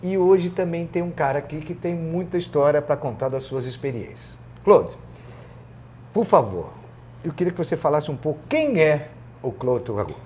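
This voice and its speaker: A man's voice: on the high side, expressive, moderate pace, darkish tone, slight background noise. A man hosting a casual interview, full of joking banter. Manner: jokey, laughing banter. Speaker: host.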